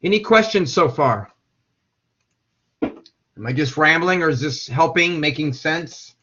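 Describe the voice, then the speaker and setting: A man's voice: a little high, lively intonation, a little slow, sharp tone, slight background noise. A man teaching a class, rambling with many repeated words and checking whether his students follow. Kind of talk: classroom lecture. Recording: dull lo-fi classroom recording.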